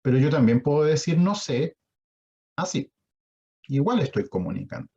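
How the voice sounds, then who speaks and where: A man's voice: mid-range voice, sing-song, brisk, mellow, breathy edge, highs cut off. A man with a Chilean accent giving an online lecture on sign language, explaining patiently and putting questions to his audience over a video call.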